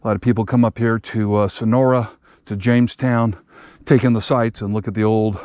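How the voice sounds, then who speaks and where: A man's voice: fairly low pitch, fairly quick. Man in his fifties talking outdoors on a bike trail. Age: 50s. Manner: relaxed, rambling with fillers. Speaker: vlog host, mountain biker. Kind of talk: casual trail commentary.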